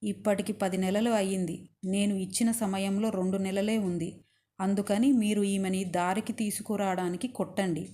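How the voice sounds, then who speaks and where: Give me a proud, cruel demon king barking orders, as a woman storyteller reads him, warm and mellow. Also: mid-range voice, flat delivery, moderate pace, natural voice. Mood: arrogant anger. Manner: boastful, commanding.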